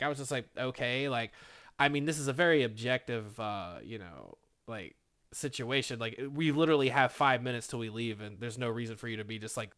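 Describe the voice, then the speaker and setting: A man's voice: medium pitch, fairly bright tone. A young man casually telling a work story, rambling and swearing, with "dude" and "like" in every line. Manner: rambling, profane, full of "dude" and "like". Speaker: vlogger.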